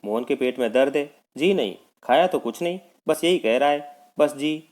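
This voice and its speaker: A man's voice: medium pitch, animated, normal speed, darkish tone, voice pushed up, lightly acted. A male teacher voicing a flustered father who animatedly retells his son's complaint, reading a play aloud. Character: flustered Indian father describing his son's odd stomach ache.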